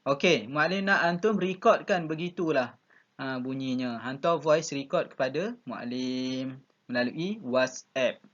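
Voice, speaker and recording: A man's voice: mid-range voice, measured pace, a bit bright, muffled recording. A man with a Malaysian Malay accent teaching a primary class online, patiently repeating each instruction and dropping in "ha" and "okey" as fillers.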